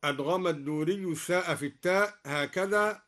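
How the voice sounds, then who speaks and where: A man teaching Quran reading variants, explaining each rule and chanting the example verses in a measured way on the radio. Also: high-pitched, fairly bright tone. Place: radio studio.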